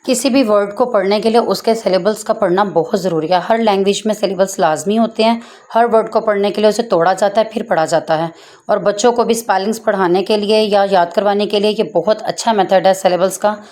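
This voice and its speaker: A woman teaching a bilingual phonics lesson, patiently explaining and saying words slowly, part by part. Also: medium pitch, a little mellow. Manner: slow, careful breaking of words into parts. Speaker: English teacher.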